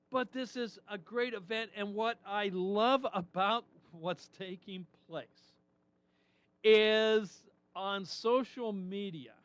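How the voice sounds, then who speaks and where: A man's voice: sits high, a bit bright, clear, resonant tone, no echo. A man hosting a talk radio show, delivering an indignant, emphatic monologue full of rhetorical questions.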